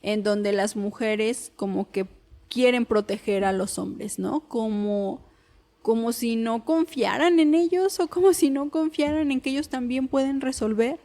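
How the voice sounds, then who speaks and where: A woman co-hosts a podcast in a conversational, tentative and reflective way, hedging a lot. Her voice is a little high and warm, and she keeps a measured pace.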